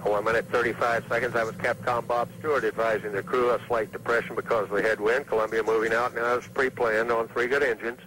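On a noisy old space launch broadcast, a mission control public affairs announcer gives live radio commentary in short, factual, procedural phrases. His mid-range voice is flat and fairly bright, moving quickly with barely any pauses.

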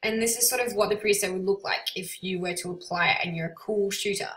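Casual female tutorial host, mid-pitched, sounding tinny and hollow on a built-in laptop mic in an echoey room. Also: fast. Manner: relaxed, chatty, frequent ums. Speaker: photographer selling presets. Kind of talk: casual screen-recorded software tutorial. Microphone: built-in computer microphone. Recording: tinny, echoey sound without a proper microphone.

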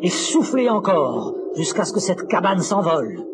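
A man's voice: high voice, sing-song, normal speed, very noisy, voice pushed up. A man voicing a sly, hungry big bad wolf in a storybook record with music. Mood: menacing.

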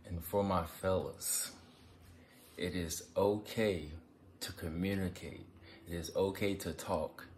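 Low-voiced man, casually encouraging. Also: steady tone, takes it slowly, slight background noise. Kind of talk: casual encouraging talk to camera. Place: living room couch, indoors.

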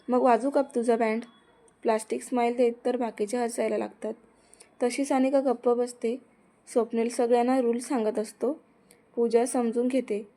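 A woman's voice: on the high side, mellow. A woman narrating a romance story, reading the characters' dialogue in her own voice.

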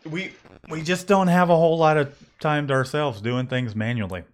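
A man's voice: on the high side, normal speed. A man, the host and co-owner of a screen printing shop, talking casually with many restarts and jokes. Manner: rambling, self-correcting, joking. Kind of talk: casual chat.

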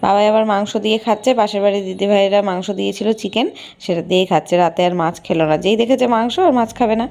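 A woman's voice: mid-range voice, fairly even intonation, very fast, gravelly, a little mellow. A middle-aged woman chatting casually in a home vlog, rambling with many fillers, recorded on a phone camera at home. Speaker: vlogger. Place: home kitchen and bedroom.

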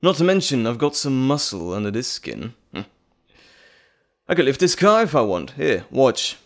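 In a dramatic audio roleplay, a man plays a teasing, menacing monstrous alter ego, drawling with dramatic pauses in a theatrical, mocking way. His medium-pitched voice swings widely in pitch, and he comes across as boastful.

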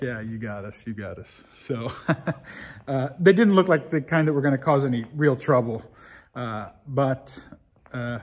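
A man in his forties telling a story in a casual vlog, rambling and chatty with lots of fillers, filming himself with a phone at arm's length inside a big empty old factory. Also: medium pitch. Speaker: vlogger renovating an old building. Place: large empty old factory floor, indoors. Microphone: phone held at arm's length.

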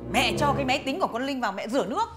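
Woman as a sly country mother-in-law, high, fast and lively. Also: music in the background. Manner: chatty, coaxing, then scolding. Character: scheming rural mother-in-law, older woman. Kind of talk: dubbed drama voice acting.

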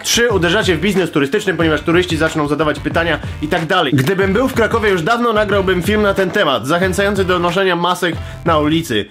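Young man, high voice, sarcastic and crude, comedic vlog, music playing behind. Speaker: YouTuber answering viewer questions.

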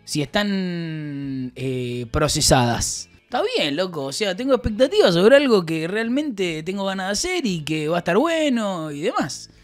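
A man with an Argentine Spanish accent chats casually on a stream, his high-pitched voice swinging widely in pitch at a measured pace. He reads out messages and rambles in crude, joking banter, with faint music in the background.

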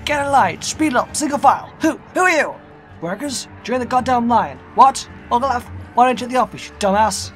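A man voicing an angry male foreman who yells orders at workers, reading from a video game. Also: very high voice, brisk, hardly any pauses, voice pushed up. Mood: angry barking. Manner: barking, yelling orders. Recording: game music behind.

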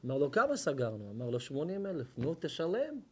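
A man, a rabbi telling a sermon story and acting out its dialogue, swinging between hushed lines and loud bursts. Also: fairly high pitch, huge pitch swings, a little hiss or hum. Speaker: rabbi giving a Torah lesson. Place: hall at an evening lecture.

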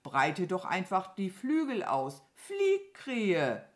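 Kind thoughtful storybook cow, as a woman reads her, earnest, lively pitch, slow. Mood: reassuring. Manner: earnest, musing. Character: gentle curious cow, thoughtful.

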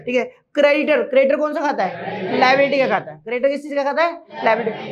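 A man teaching an accounting class, repeating each rule and putting quick questions to his students. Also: extremely high pitch. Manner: drills rules by repeating them and quizzing students. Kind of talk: classroom lecture. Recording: dull lo-fi recording.

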